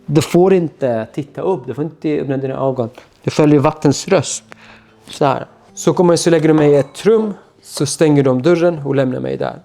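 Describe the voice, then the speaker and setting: A man, a guest telling his own story in an interview, speaking in a halting, quiet voice that often trails off. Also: on the high side, creaky. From Syria.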